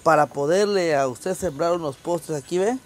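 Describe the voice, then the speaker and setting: A man's voice: fairly high pitch, moderate pace, crowd noise. A man with a Guatemalan accent casually explaining things as the host of a charity vlog. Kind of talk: casual explaining to camera and group. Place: outdoors in a rural wooded yard. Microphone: handheld phone.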